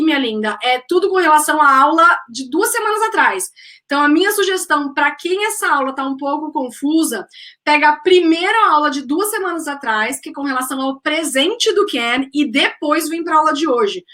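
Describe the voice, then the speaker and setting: Teaching English in a live online class, a Brazilian woman switches between English and Portuguese, walking through each step and checking on her students, and she speeds up in the Portuguese parts. Her voice sits high and sounds pushed and bright, with low recording quality.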